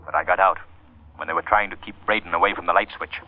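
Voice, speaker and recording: An actor playing a mysterious, commanding crime-fighter in old radio drama style, slow, deliberate and theatrical. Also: male voice, deep voice, fairly even intonation, close to an everyday voice. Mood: calm reassurance. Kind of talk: 1930s-40s radio drama acting. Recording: muffled old radio broadcast with music.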